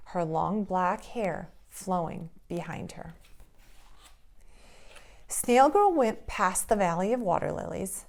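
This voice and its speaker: A preschool teacher, a woman, reading a folktale aloud to children in an expressive storytelling manner. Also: fairly low pitch, vocal fry. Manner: expressive, slow storytelling pace.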